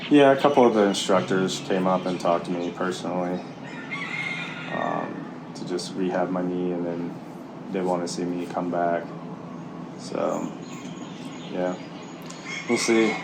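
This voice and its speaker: A man talking candidly and haltingly in a casual, reflective vlog while out walking. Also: deep voice, lively intonation, creaky, heavy background noise. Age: middle-aged. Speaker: vlogger, military serviceman and former Marine. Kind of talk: casual walk-and-talk vlog.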